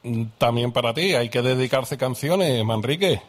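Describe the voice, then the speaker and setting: A man's voice: medium pitch, normal speed. Man hosting a radio call-in. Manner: chatty, familiar, interjects "ajá" often. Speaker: radio host. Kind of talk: casual live call-in chat.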